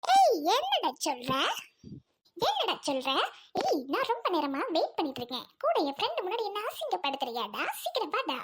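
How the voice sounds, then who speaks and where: Brief: woman as a bossy, dramatic young lover, Trichy Tamil accent, very high, swinging voice. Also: huge pitch swings, brisk, exaggerated voice. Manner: bossy, melodramatic, scolding. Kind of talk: comedy skit acting.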